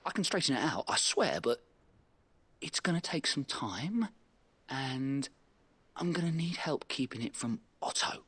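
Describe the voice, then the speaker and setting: An actor playing a nervous, bumbling bookkeeper in a video game, in a breathy, often whispered voice as whispered role-play. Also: male voice, on the high side, big pitch swings, unhurried, pauses often, fairly bright tone, exaggerated voice. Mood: sheepish. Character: sheepish bumbling bookkeeper man, nervous and evasive. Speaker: game character.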